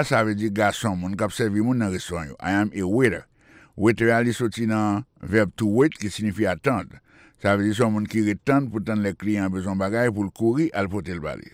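Low-voiced man teaching English. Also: no echo, studio quality. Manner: patient, repetitive, spells words out. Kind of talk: explanatory radio lesson.

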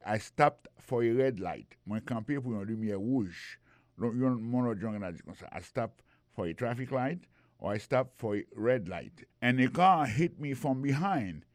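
A man's voice: fairly low pitch, measured pace, darkish tone, no echo. A man with a Haitian Creole accent teaching English phrases on a radio lesson, explaining each one and spelling words out. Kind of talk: bilingual radio language lesson.

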